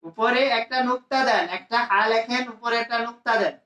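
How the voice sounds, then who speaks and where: A man from Bangladesh teaching a class to pronounce Arabic letters, slowly repeating each sound for his students. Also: very high voice, pushed and bright. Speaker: Quran teacher. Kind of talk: classroom lesson. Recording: echoey room.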